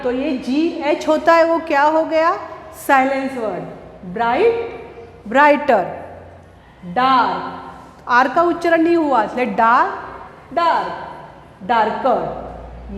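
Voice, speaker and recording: A woman teacher with an Indian accent giving a classroom lesson, speaking slowly and deliberately, repeating words and asking questions back. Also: high-pitched. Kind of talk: classroom lesson, mixing Hindi and English. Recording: echoey room with long reverb, faint hiss.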